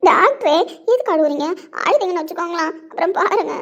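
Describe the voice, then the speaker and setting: A joyful, weepy young mother-to-be, acted by a woman pours out her words at a fast clip. Her voice sits very high. She talks rapidly, half laughing through tears, in a homemade drama. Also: animated, highs cut off. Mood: teasing, pleading. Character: emotional young pregnant woman expecting triplets. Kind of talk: home video drama acting.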